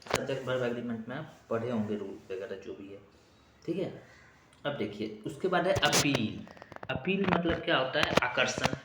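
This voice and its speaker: An exam-prep English teacher runs a classroom-style vocabulary lesson, repeating each memory trick several times and slipping in brief check-in asides. His medium-pitched, expressive voice moves at a moderate pace, echoing around the room over clear background noise.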